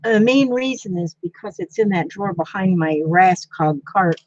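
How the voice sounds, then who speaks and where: An older woman chatting casually on a craft livestream, thanking viewers warmly and exclaiming often as she sews. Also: medium pitch, lively intonation, moderate pace, highs cut off, slight background noise. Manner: chatty, gushing thanks to viewers with frequent gasps. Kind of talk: casual live-stream chat while sewing.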